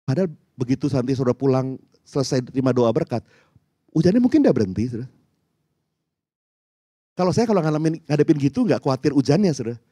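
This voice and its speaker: A man's voice: medium pitch, fast, pauses often, dry recording, studio quality. A man, telling stories animatedly and calling the congregation "saudara". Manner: animated storytelling, acting out voices, addressing the congregation as "saudara". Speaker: pastor. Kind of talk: sermon.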